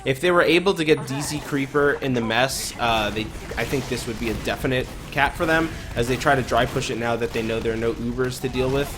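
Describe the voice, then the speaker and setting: A man giving casual play-by-play commentary on a live esports match, talking quickly with frequent fillers. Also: medium pitch, noisy background. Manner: quick, chatty, many fillers. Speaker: esports caster.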